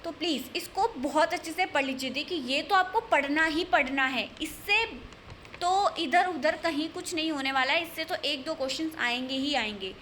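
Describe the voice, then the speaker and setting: Woman, nursing exam tutor, high voice, earnest, repetitive, faint background hum. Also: a bit bright. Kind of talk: exam-prep lesson talk.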